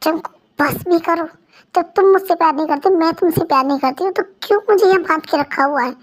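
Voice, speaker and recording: A woman's voice: very high-pitched, quick pace. A girl voicing a pleading captive young wife. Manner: pleading, exasperated. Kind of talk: amateur fan dub acting.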